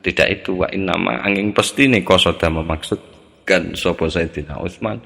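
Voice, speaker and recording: A very deep, gravelly man leads a classical text study in a large hall, speaking at a moderate pace with a somewhat bright sound. He recites Arabic phrases, renders them word by word in Javanese, then explains them in Indonesian.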